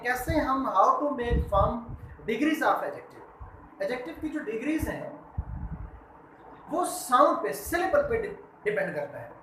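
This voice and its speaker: A teacher explains grammar, repeatedly asking a question and then answering it. The voice sits at a middle pitch. It sounds roomy, with a faint hum of noise behind it. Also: fairly bright tone. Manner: poses questions to the class and then answers them. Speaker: English teacher. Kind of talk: grammar lesson.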